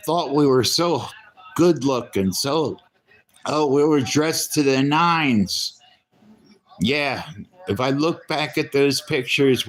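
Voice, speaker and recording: Slow, low-voiced man in his fifties reminiscing. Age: 50s. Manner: rambling, halting, many fillers and restarts. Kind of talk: casual reminiscing monologue.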